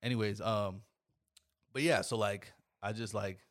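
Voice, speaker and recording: A man's voice: on the low side, steady tone, a little slow, dry recording, studio quality. A man, co-hosting a podcast in a laid-back, swearing casual chat. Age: 20s. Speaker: podcast co-host.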